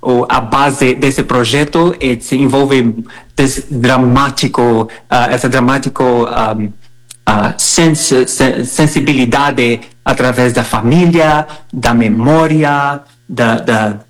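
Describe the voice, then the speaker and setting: Slow hesitant Brazilian man. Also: mid-range voice, poor audio. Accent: Brazilian Portuguese. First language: Portuguese. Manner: hesitant, mixes Portuguese, Spanish and English. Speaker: guest artist. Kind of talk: interview.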